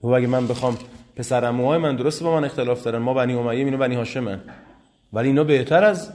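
A man's voice: mid-range voice, darkish tone. Persian man lecturing on religious history. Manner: reads Arabic quotes slowly, then explains them in quick conversational Persian.

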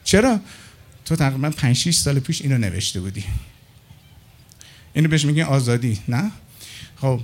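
A middle-aged man telling anecdotes in a casual monologue, acting out the other people's lines as he goes. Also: mid-range voice. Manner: animated, acts out dialogue with others in his anecdotes. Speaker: storyteller.

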